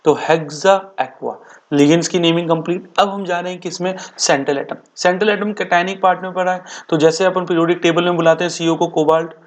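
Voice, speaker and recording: A male chemistry teacher talks through a board exam revision lecture. He keeps posing quick questions to his students and answering them himself. He drags out key terms slowly for emphasis. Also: sits high, fairly even intonation. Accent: Hindi-speaking Indian. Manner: addresses students as beta and bhaiya.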